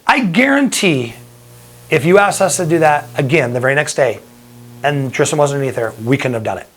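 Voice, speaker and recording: A middle-aged man speaks at an ordinary pitch, recounting a personal story straight to the camera. He talks earnestly and lets his emotion show. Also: quick pace. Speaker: bodybuilding promoter and firefighter.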